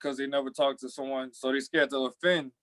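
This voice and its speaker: A man's voice: mid-range voice, level tone, brisk, fairly bright tone, no echo, low-quality recording. Thoughtful young man, dry sound. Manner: thoughtful, rambling with restarts. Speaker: former college athlete. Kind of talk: panel discussion.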